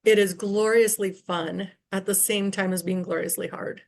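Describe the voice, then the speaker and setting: Woman podcast guest, ministry founder, earnest and encouraging, mid-pitched, natural fillers. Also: fairly even intonation, moderate pace, creaky. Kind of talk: faith-based podcast interview.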